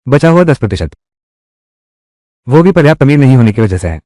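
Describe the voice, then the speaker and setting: A man's voice: medium pitch, big pitch swings, fairly quick, mellow, no echo, studio quality, natural voice. A man dubbing a reborn young male college student, cheeky and self-assured, with playful, wry asides. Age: young adult. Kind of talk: dubbed drama dialogue.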